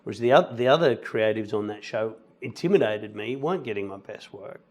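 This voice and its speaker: A man's voice: fairly low pitch, brisk. Man telling stories in chat. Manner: animated storyteller, acts out quoted lines. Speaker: musical theatre actor, guest. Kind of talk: casual interview chat, telling anecdotes.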